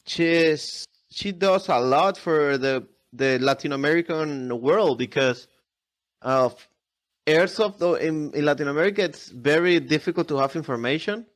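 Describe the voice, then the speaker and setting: A man's voice: a little high, unhurried. A man chatting casually as a podcast guest in non-native English, often repeating words and restarting his phrases. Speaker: podcast guest, airsoft video creator. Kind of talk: casual interview chat.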